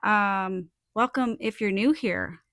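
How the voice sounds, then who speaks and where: A woman vlogger chatting casually to her viewers in an informal, halting way, thinking aloud as she goes. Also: mid-range voice, a bit bright, dry recording, clean studio sound. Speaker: vlogger and small soap business owner. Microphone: small add-on phone microphone.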